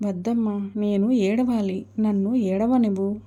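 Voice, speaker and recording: A woman's voice: mid-range voice, fairly even intonation, measured pace, dark tone, lightly acted. Woman voicing a tearful, pleading young daughter.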